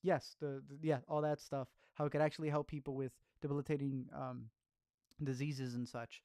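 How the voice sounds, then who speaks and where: A man's voice: mid-range voice, little pitch movement, moderate pace, darkish tone, clean tone, no room sound, clean studio sound. A man casually chatting through film reviews as a podcast host, rambling along with fillers and restarts.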